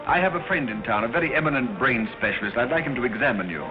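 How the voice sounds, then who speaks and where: An actor playing a breezy, nosy society man in 1930s screwball film style, with brisk, bantering delivery. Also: medium pitch, animated, close to an everyday voice. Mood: amused. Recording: muffled 1930s film soundtrack with music.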